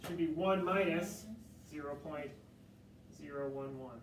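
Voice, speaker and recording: A man's voice: a little high, unhurried, slight background noise. A male math tutor leading a classroom session, joking and coaxing students through each step. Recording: echoey room from far off.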